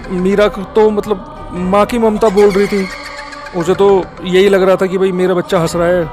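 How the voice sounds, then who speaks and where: A man's voice: sits high, a little mellow. A man telling a horror story in casual spoken style, rambling with fillers and correcting himself as he goes.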